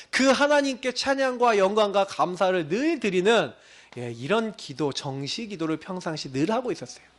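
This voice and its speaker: A man's voice: very high-pitched, fairly bright tone. A male pastor preaching a sermon and acting out quoted prayers and voices along the way.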